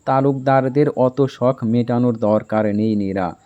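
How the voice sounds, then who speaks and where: A man's voice: mid-range voice, mellow, highs cut off, lightly acted. A man reading a domineering young captain. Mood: stern possessive. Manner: slow, stern, emphatic.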